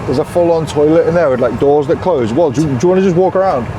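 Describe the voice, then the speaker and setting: A young man hosting a casual vlog, excitable and quick to laugh, swearing freely as he chats to camera. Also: on the high side. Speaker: DJ and vlog host. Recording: clear background traffic noise.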